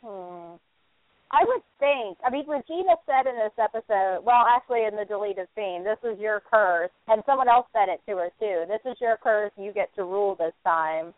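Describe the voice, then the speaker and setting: A woman's voice: medium pitch, normal speed, no echo. A woman co-hosting a casual podcast, chatty and given to dry one-word quips. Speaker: podcast co-host. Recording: dry phone-like audio.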